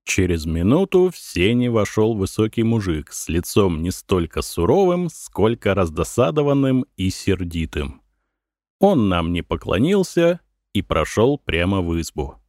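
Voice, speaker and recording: A man narrating classic prose for an audiobook in a lively, expressive way. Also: deep voice, a little slow, no echo, studio quality.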